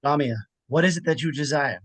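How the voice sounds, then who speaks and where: A man's voice: a little high, brisk, no echo, lightly acted. A man playing a grave, formal spiritualist who addresses a demon in a horror drama. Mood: grave, imploring. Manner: formal, imploring and commanding. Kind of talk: dramatic horror script reading.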